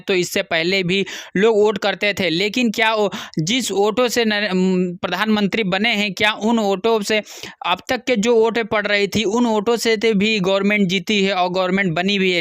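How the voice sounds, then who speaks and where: A man hosts his channel with a flat, bright, smooth voice that sounds dry and close. He rambles through his intro and keeps returning to the same address to his viewers. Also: high-pitched, dry recording. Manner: rambling, repeats "तो दोस्तों". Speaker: channel host. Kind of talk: casual video commentary.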